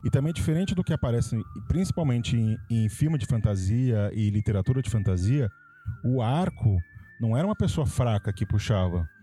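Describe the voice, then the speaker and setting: A man's voice: medium pitch, moderate pace, soft background music. A man from São Paulo with a São Paulo accent, co-hosting a casual chat and telling history trivia playfully. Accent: Brazilian Portuguese, São Paulo. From São Paulo, Brazil. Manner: playful, animated storytelling. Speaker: podcast co-host.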